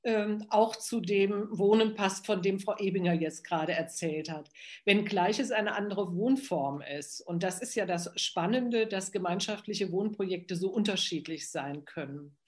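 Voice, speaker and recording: A woman in her seventies from Hesse, telling her own life story in an unhurried way, with pauses and fillers. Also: mid-range voice, a little mellow. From Hesse, Germany. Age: 70s. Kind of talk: personal storytelling.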